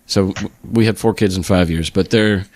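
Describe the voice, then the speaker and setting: A man's voice: deep voice, fairly even intonation, moderate pace, darkish tone, no room sound. A middle-aged man hosting a podcast interview, casually talking and often restarting his sentences. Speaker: podcast host.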